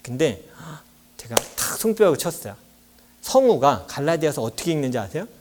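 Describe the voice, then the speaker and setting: Male pastor mid-sermon in church, high-ish voice with big swings, animated and emphatic. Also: normal speed, background noise. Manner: animated, acts out quoted lines with raised voice.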